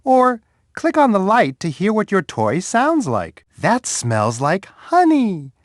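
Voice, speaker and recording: A man voicing a big, gentle, cheerful male bear in a children's game, talking warmly and encouragingly to a young player. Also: high-pitched, wildly swooping pitch, slow pace, dry recording, studio quality, exaggerated voice. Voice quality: warm, soft, sing-song delivery with chuckles. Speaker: voice actor for a children's game character. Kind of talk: scripted game voice clips. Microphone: dry studio booth.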